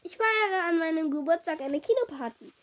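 A woman's voice: high-pitched, fairly quick, lightly acted. A woman reading a storybook aloud, voicing a giddy, kind-hearted schoolgirl who squeals and giggles. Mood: excited.

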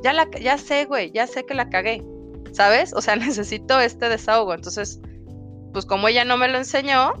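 A woman's voice: on the high side, normal speed, a bit bright, soft background music. A woman with a Mexican accent talking in a frank, slangy way about raising her daughters. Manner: frank and slangy, acts out dialogues with her kids. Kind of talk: casual chat.

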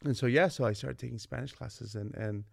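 Gravelly-voiced man telling stories. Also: mid-range voice, fairly quick, no room sound, clean studio sound. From California. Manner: animated, acts out quoted dialogue in his stories. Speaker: vice principal, podcast guest. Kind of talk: casual storytelling interview.

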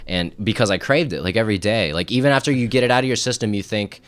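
A man's voice: on the low side, quick pace, fairly bright tone, clear, resonant tone, dry recording. A man talking casually and rambling on a podcast, with plenty of fillers and a loose, laid-back delivery. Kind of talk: casual chat.

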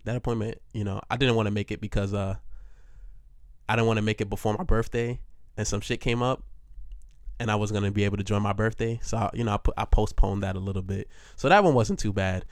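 A man's voice: on the low side, no room sound, clean studio sound. A young man talking casually and profanely in a rambling monologue, laughing often as he goes. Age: young adult.

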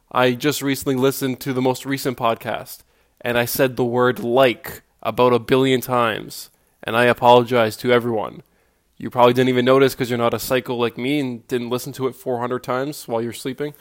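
Self-deprecating young man hosting a podcast. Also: mid-range voice. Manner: self-deprecating, rambling with fillers. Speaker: podcast host. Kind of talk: casual solo podcast talk.

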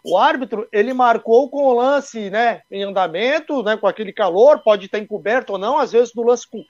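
A man's voice: extremely high pitch, normal speed, dry recording, muffled recording. A man commenting in a casual football debate, explaining things by acting out imagined exchanges. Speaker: sports commentator.

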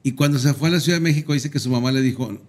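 A man's voice: medium pitch, very fast. A middle-aged man with a northern Mexican accent hosting a podcast, telling stories in a crude, joking, slangy way. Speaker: podcast host. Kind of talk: casual chat.

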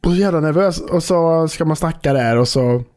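A man's voice: on the high side, a little mellow, clear, resonant tone. A man co-hosting a podcast, chatty and swearing freely in casual talk. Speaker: podcast co-host. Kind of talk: casual chat.

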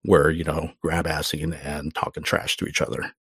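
A middle-aged man from Oklahoma, a podcast guest, telling casual stories and loudly acting out the voices of people he quotes. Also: very deep voice, normal speed, breathy edge, no room sound, clean studio sound. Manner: animated storyteller, loudly acts out quoted voices. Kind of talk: casual storytelling.

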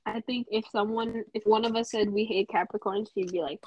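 A woman's voice: medium pitch, steady tone, brisk, a little mellow, dry recording, rough recording. A young woman co-hosting a podcast in casual chat, teasing and laughing often. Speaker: podcast co-host.

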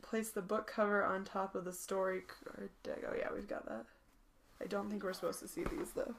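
A woman's voice: mid-range voice, flat delivery, fairly quick, a little hiss or hum. A young woman co-hosting a podcast, reading a board game story aloud with giggles and playful asides. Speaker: podcast co-host.

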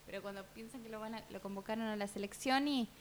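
A young woman with a Rioplatense Spanish accent, co-hosting a podcast as an animated, jokey storyteller. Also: mid-range voice, quick pace. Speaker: podcast co-host. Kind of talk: casual chat. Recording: faint hiss.

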